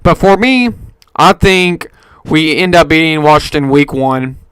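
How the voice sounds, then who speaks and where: A man's voice: fairly high pitch, measured pace, fairly bright tone, clean tone, no echo. A man hosting a casual solo podcast, rambling with many fillers and self-corrections. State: hiccups. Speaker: podcast host. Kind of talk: casual solo sports talk.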